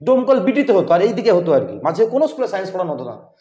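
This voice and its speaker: A man's voice: high voice, very animated, very fast, mellow. A man in his forties from West Bengal, interviewing in a rambling way, with many fillers. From West Bengal, India. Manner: rambling, repeats himself, frequent fillers. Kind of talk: conversational interview. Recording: roomy, slightly dull sound.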